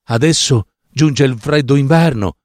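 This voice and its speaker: A man's voice: medium pitch, measured pace, dry recording, clean studio sound, natural voice. A man voicing a kind, motherly female swallow in a fairy tale, with a reassuring delivery.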